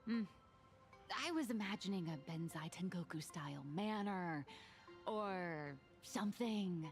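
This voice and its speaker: A woman's voice: fairly low pitch, measured pace. An actress playing a thoughtful female artist in a game, speaking in a wistful, musing way. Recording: game audio with music underneath.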